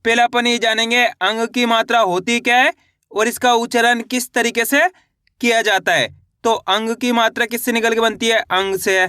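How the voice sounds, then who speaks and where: A man teaching reading in a video lesson, drilling each sound with repeated questions and slow model words. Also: extremely high pitch, fairly even intonation, pushed and bright, clear, resonant tone, dry recording, studio quality. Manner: repetitive call-and-response drilling, drawn-out model words. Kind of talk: classroom-style video lesson.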